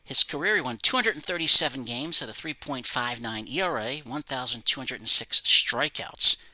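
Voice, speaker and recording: A man's voice: mid-range voice, big pitch swings, normal speed, gravelly, sharp tone, no room sound, low-quality recording. A man presenting items from his autograph collection, reading facts about each in a plain, matter-of-fact way. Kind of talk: casual show-and-tell narration.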